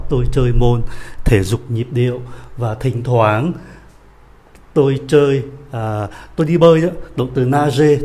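A man teaching a French lesson, patiently explaining a dialogue and slowing down to repeat phrases. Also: mid-range voice, mellow.

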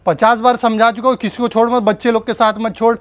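A man's voice: very high-pitched, flat delivery, fast. A man staging an angry argument at home, scolding and threatening someone. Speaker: prankster husband.

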